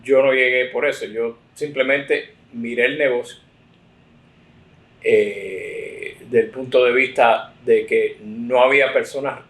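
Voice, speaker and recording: A man's voice: medium pitch, fairly even intonation, slow pace, a bit bright. A man in his sixties, a political consultant telling his career story in an interview, full of fillers and self-corrections. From United States. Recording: roomy echo.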